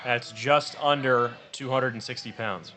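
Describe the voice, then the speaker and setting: A man announcing lifters and weights at a powerlifting meet, talking fast and tripping over numbers. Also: medium pitch, steady tone, noisy background. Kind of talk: live announcing. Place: powerlifting gym.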